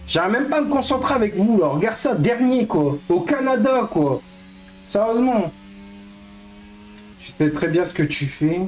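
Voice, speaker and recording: A man in his thirties streaming a racing game live, excitable and swearing, mocking himself playfully. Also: high voice, roomy sound. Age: 30s. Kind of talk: casual live-stream gaming chat.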